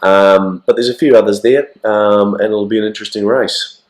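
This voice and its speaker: A hoarse Australian man with a croaky, frog-like voice from the flu, co-hosting a racing show in casual, blokey, halting chat, often repeating himself. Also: on the low side, fairly even intonation. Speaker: co-host of horse racing show. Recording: echoey, roomy sound.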